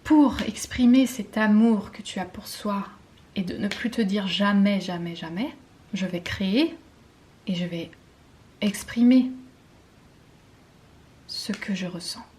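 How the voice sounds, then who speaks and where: A French woman giving a spiritual card-reading guidance, talking softly and intimately, often slipping into a whisper, with hesitant fillers and self-mocking laughs. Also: medium pitch. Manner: slow, soft and intimate, often dropping to a whisper. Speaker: tarot card reader.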